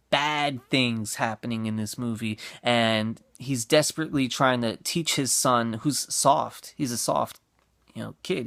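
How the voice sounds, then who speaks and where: A man's voice: mid-range voice, creaky, a bit bright, no echo. A man hosting his own channel, talking through a list of favorite movies in a casual, chatty way with fillers and restarts.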